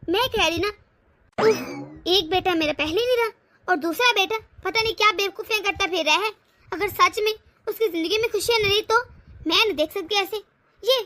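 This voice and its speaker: A woman's voice: very high voice, sharp tone. Woman voicing a fretful old mother-in-law. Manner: brooding, fretful. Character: worried elderly mother-in-law, head of the house.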